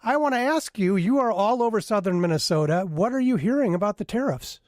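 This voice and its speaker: A man's voice: high voice, animated, fairly quick, a little mellow, dry recording, clean studio sound. A man hosting a public radio show, interviewing in a courteous, direct way. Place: radio studio, dry close sound.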